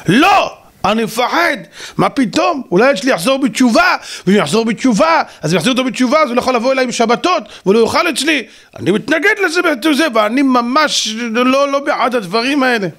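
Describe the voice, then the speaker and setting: Male preacher playing a shrill, high-pitched secular dad in a panic, protesting loudly. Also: lively intonation, heavily acted. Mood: alarmed. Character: panicked secular Israeli father fearing religion.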